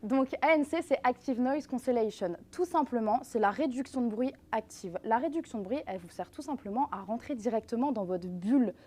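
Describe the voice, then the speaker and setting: A woman's voice: on the high side, lively intonation, a little fast, hardly any pauses, darkish tone. A woman working as a brand representative, explaining things in a live product presentation and speaking directly to viewers.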